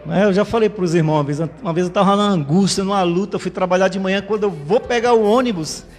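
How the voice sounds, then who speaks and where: A male pastor delivers a fervent, conversational sermon, often checking in with his listeners mid-phrase. His voice sits notably high. It rings with a long hall reverb over faint background music. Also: fast, darkish tone. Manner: fervent, conversational preaching with frequent "né?" tags. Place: church livestream.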